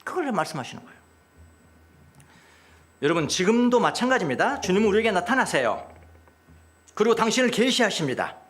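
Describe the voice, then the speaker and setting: A middle-aged male pastor preaching a sermon, emphatic and repetitive, dropping now and then to hushed asides. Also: high voice, big pitch swings, a little fast, long pauses.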